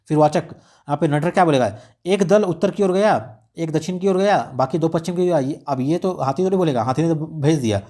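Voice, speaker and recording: A man's voice: fairly high pitch, a little mellow. A man, tutoring exam students through a radio script step by step, repeating and rephrasing as he goes. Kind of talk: explaining a radio script in a lesson.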